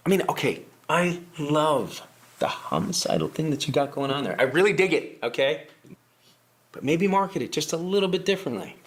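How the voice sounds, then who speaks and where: A man's voice: a little high, lively intonation, moderate pace. Sarcastic man in a comedy sketch. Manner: sarcastic, mock-earnest, breaks into laughter. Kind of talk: satirical sketch acting.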